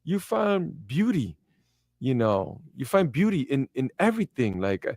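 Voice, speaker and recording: A man's voice: medium pitch, very animated, measured pace, darkish tone, no room sound, clean studio sound. A middle-aged man with a Brooklyn, New York accent, chatting casually in slangy talk and repeating his phrases. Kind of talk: casual chat.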